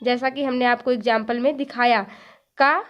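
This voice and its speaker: A woman's voice: sits high, moderate pace. A woman teaching a lesson, who asks questions and answers them herself and repeats each point. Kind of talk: explanatory lesson. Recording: dull lo-fi recording.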